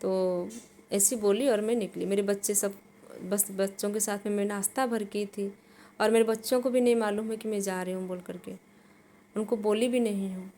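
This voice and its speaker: A woman telling a personal testimony in an earnest, halting way, with many restarts. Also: mid-range voice, fairly even intonation, mellow, a little hiss or hum.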